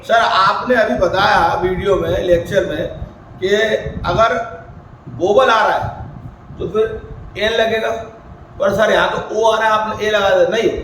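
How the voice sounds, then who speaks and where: High-voiced male teacher in an echoey room. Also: fairly even intonation, unhurried, fairly bright tone. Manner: asks questions and answers them himself; acts out student questions in his own voice. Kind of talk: classroom grammar lecture. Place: coaching academy classroom. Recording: echoey room with faint background noise.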